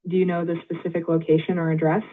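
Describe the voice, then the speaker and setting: A woman's automated phone voice acting as an intake agent, polite and measured, reading back details in scripted prompts. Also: on the low side, little pitch movement. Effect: automated phone-line voice. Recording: tinny phone line.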